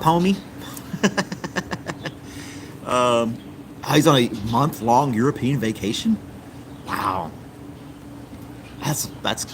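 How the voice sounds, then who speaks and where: Over a noisy background, a mid-range male voice belongs to a US live streamer who rambles easygoingly through viewer comments. He says "um" a lot as he chats.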